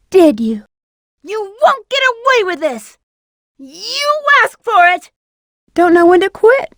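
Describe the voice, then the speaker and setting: A woman's voice: very high-pitched, no room sound, clean studio sound, full character voice. A woman playing a sly, confident, flirtatious female bat treasure hunter in a video game. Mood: smug, teasing, then cocky, excited. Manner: sassy, flirtatious, self-assured. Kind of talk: video game character voice lines.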